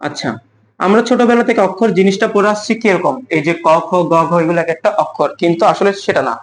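A man's voice: high-pitched, lively intonation. A young man teaching a lecture, asking questions and answering them himself. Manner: repeats key words slowly for emphasis. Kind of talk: classroom lecture.

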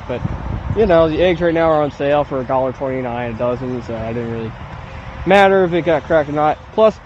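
A man's voice: fairly high pitch, a little mellow, highs cut off, a little hiss or hum. A man in his thirties talking casually to a camera outdoors on a lawn, rambling in a plain-spoken way about a bike ride. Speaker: velomobile vlogger. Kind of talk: casual review talk to camera. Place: outdoors on a lawn beside a building.

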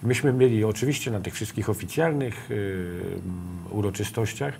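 A man's voice: lowish voice, normal speed, gravelly, a little hiss or hum. A middle-aged man, a politician guest in a TV studio, speaking emphatically in a political interview. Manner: emphatic, rising to forceful conviction.

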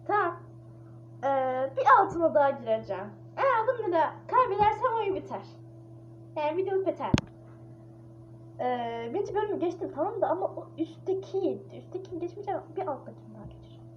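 An extremely high, sing-song female voice speaks fairly quickly over a dull, clearly hissy lo-fi mic. The gamer is chattering and exclaiming through a horror game, her let's-play commentary casual and panicky.

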